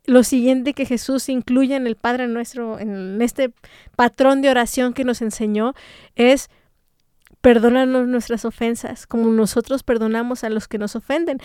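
High-voiced woman preaching casually. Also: a little mellow, clean tone, dry recording, studio quality. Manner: conversational, acts out prayers in a chatty tone. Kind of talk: informal sermon on prayer.

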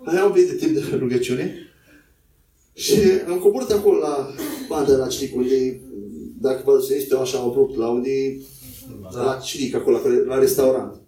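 A man preaching a sermon in a conversational way, acting out quotes in a higher voice. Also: warm tone. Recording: echoey room, voice from a distance.

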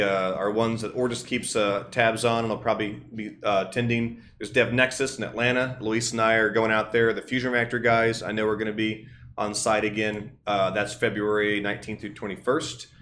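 A man's voice: on the low side, level tone, brisk, a bit bright, a little hiss or hum. A man co-hosting a podcast, chatting in a jokey, colloquial and teasing way. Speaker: podcast co-host. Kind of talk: casual, joking podcast chat.

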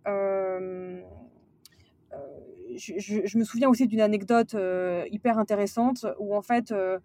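A woman's voice: mid-range voice, fairly even intonation, unhurried, warm tone, no echo. A woman talking as a podcast guest about management, speaking casually with many fillers and restarts. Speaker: guest, sales director turned manager. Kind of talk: casual interview conversation.

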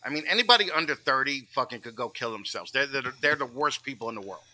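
A man's voice: mid-range voice, expressive, fast talker, pushed and bright, rough recording. A man talking bluntly and profanely in a casual podcast chat. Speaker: podcast guest.

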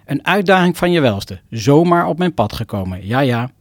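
A man's voice: a little high, big pitch swings, normal speed, no echo. Wry middle-aged man narrating, dry close sound. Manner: wry, self-mocking, terse phrasing. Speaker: rehabilitation doctor narrating his own story. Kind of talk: scripted personal narration.

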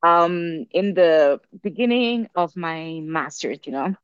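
Taking her time, a young woman from Africa tells a story as a podcast guest, her fairly low voice clean in tone. She's an animated storyteller who chats casually, full of fillers and restarts. The audio is dry but muffled.

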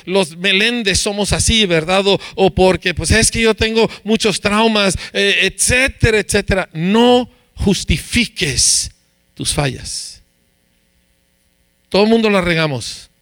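A man preaching a sermon in a lively, conversational way, acting out quotes as he goes. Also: high-pitched, dry recording. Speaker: pastor.

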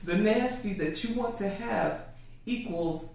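A woman's voice: medium pitch, measured pace, a little mellow. A woman co-hosting a podcast, chatting playfully with her husband and laughing often. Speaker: podcast co-host. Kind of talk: casual couple's chat. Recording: echoey room, mic at a distance.

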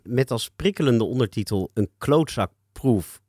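A man's voice: medium pitch, animated, unhurried, darkish tone, no echo, clean studio sound. A man hosting a conversational interview in a wry, articulate, teasing way. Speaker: interviewer, show host.

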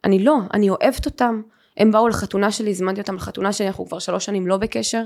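A young woman hosting a podcast, telling her own story with feeling and acting out the voices of the people in it. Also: medium pitch. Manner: animated, acts out quoted voices. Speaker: podcast host. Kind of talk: emotional personal storytelling.

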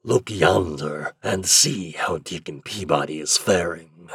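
A man voicing a sooty, menacing male forest devil in a hoarse, growling voice that speaks slowly and deliberately. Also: deep voice, fairly bright tone, dry recording, clean studio sound, heavily acted. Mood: gruff menace. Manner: slow, deliberate, brooding.

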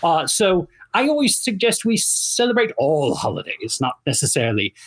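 A man plays a good-natured, chatty Santa in an improvised interview. His voice is husky and fairly high, swinging up and down with effusive, rambling delight. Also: wildly swooping pitch, normal speed, fairly bright tone, exaggerated voice. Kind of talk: improvised in-character interview chat.

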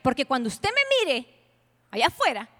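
A woman pastor preaches with a bright, high voice that rings out through a large, echoing church hall. Her delivery is emphatic and playful, full of teasing asides, and it jumps from loud declarations to hushed near-whispers. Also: wildly swooping pitch, moderate pace. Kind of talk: sermon to a women's retreat. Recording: long hall reverb.

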